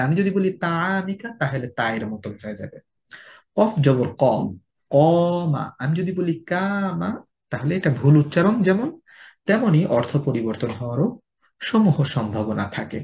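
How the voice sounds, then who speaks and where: A man with a Bangladeshi Bengali accent, teaching a tajweed lesson. He repeats letter sounds slowly and contrasts correct and wrong pronunciations. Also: medium pitch, dark tone. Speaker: Quran recitation teacher.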